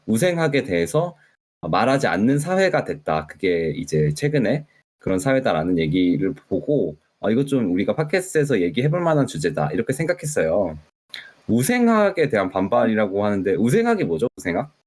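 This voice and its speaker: A man's voice: fairly low pitch, darkish tone. A man co-hosting a casual podcast, explaining at length with many fillers. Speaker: podcast co-host.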